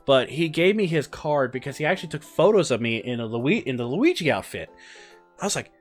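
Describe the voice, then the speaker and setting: Excitable young man telling a story. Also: fairly high pitch, brisk, soft background music. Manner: excitable, rambling, many fillers. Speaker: vlogger. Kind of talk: casual storytelling.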